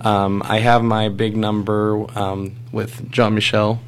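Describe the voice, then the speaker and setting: A man's voice: lowish voice, flat delivery, slow, a little hiss or hum. A young male cast member talking about his part in an easygoing, enthusiastic way. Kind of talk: casual interview.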